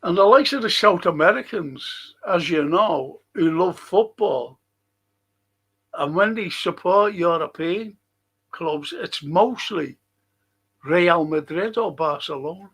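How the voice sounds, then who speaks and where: Speaking slowly in a high, animated voice that's fairly bright and slightly rough, a Liverpool-accented man from England hosts a casual livestream. He rambles through viewer comments, repeating phrases to drive points home.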